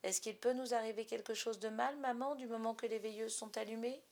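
A woman's voice: fairly high pitch, steady tone, a little fast, a little mellow, natural voice. A woman playing a sweet sleepy little boy.

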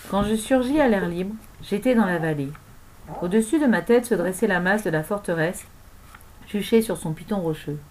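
A woman narrating a novel aloud in an expressive storytelling manner. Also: medium pitch, low-quality recording. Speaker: audiobook narrator.

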